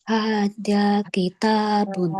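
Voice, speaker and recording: A woman student in an online class, answering her teacher slowly and carefully. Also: medium pitch, level tone, a crowd in the background. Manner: slow careful repeating of answers. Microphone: online call microphone.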